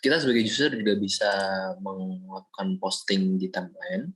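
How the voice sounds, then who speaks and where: A young man from Indonesia, a student, explaining a software project step by step in a screen-recorded walkthrough, often pausing with fillers. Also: deep voice, rough recording. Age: young adult. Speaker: student presenting a project demo.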